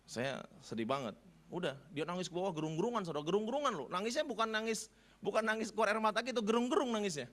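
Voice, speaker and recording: A middle-aged male pastor telling a personal story in a sermon, animated and joking, his voice climbing high when moved. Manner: animated, humorous, rising high when emotional. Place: church service.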